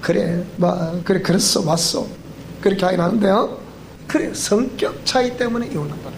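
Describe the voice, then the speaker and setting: A male pastor with a Gyeongsang accent giving a joking, animated seminar lecture that quizzes the audience. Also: high-pitched, normal speed, gravelly, slight background noise. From Gyeongsang region of Korea. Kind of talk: sermon-style seminar lecture. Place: church hall.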